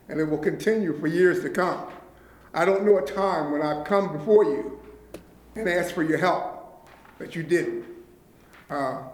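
A man leading a nonprofit, speaking earnestly and gratefully at a public meeting, often checking in with his listeners. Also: high voice. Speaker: nonprofit leader addressing county officials. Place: meeting room. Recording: echoey meeting room.

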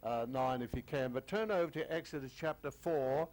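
An older man teaching a sermon, chatty with many fillers, reading scripture slowly, his voice a little croaky. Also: medium pitch, a little mellow, rough recording. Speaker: preacher.

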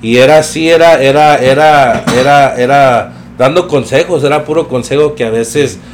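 A young man telling a story in a relaxed, slangy way, mixing in English phrases. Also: medium pitch, normal speed, slight background noise. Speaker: podcast guest telling his career story. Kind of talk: casual storytelling chat.

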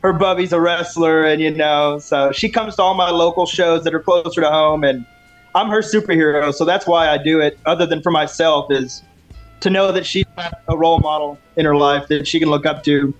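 A man with a high-pitched voice talks as a pro wrestler in a casual interview. He sounds earnest and sure of himself, with faint music behind him. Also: fairly even intonation, normal speed, low-quality recording. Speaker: professional wrestler being interviewed. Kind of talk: casual interview talk with confident self-promotion.

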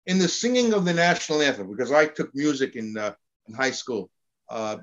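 A man chatting casually, rambling and halting as he tells a story. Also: mid-range voice, expressive, lo-fi sound. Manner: rambling, halting with fillers and repeats. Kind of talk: casual chat.

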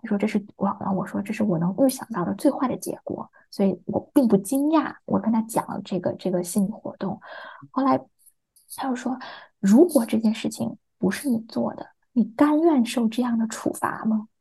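A woman's voice: fairly high pitch, fairly quick, gravelly, warm tone, breathy edge. A young woman from China, a podcast interview guest, hesitantly recounting a personal experience and acting out remembered dialogue.

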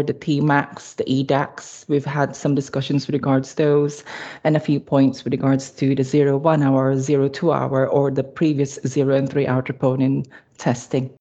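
A Filipino woman with a low, deep-set voice walks listeners through her material as a cardiology nurse, pausing often with little ums. The sound is dull and lo-fi, as if the recording lost its top end. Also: flat delivery, dark tone. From Philippines. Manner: explanatory, hesitant with frequent ums. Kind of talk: podcast discussion presentation. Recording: dull lo-fi audio.

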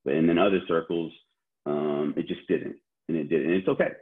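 A man's voice: extremely low pitch, fairly even intonation, a little fast. A man born in Korea, speaking as an interview guest in a loose, rambling way with many fillers and restarts. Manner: rambling, heavy use of "like" and restarts. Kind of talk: casual conversational interview. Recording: tinny phone-like line.

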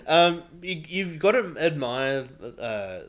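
A man's voice: on the high side, very animated, takes it slowly, fairly bright tone. A man with an Australian accent hosting a casual podcast chat, rambling and filling his talk with "like". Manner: rambling, heavy use of "like". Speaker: podcast host.

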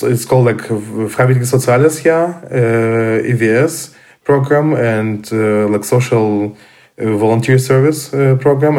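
A man, a guest speaking casually in English, pausing often with fillers and restarts. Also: mid-range voice, darkish tone. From Armenian, raised in Russia. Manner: halting, many fillers and restarts. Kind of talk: casual conversation.

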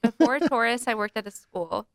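A woman's voice: fairly high pitch, expressive, moderate pace, no room sound. A woman in her twenties, a guest on a workplace podcast, answering casually with some hesitation and easy laughs. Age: 20s. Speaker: guest, accounting employee. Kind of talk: casual interview.

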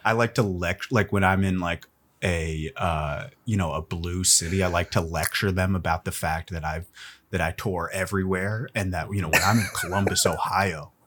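A man, a comedian guest on a podcast, telling deadpan, self-mocking jokes in casual chat. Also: sits low, normal speed, slight background noise.

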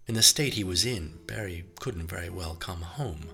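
A male audiobook narrator with a low voice and a bright, forceful edge, reading in an even and measured way. A faint plucked guitar plays softly beneath him. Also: vocal fry. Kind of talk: scripted narration.

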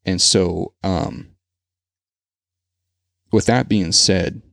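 A man's voice: low voice, steady tone, extremely slow, creaky, a bit bright, dry recording, clean studio sound. A man hosting a solo podcast, talking in an earnest, rambling, conversational way. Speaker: podcast host. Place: Texas.

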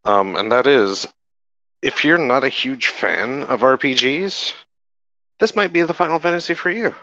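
A man's voice: medium pitch, animated, measured pace, bright, forceful tone, dry recording. A man co-hosting a gaming podcast, explaining things at length with many hesitant fillers. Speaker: podcast co-host. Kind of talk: casual podcast chat. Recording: dull lo-fi mic.

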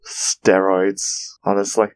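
A man's voice: low-pitched, completely flat delivery, slow. Male podcast host, dry wit, leads the segments casually. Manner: dry, wry remarks, steers the segments. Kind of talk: casual chat recapping cartoon episodes.

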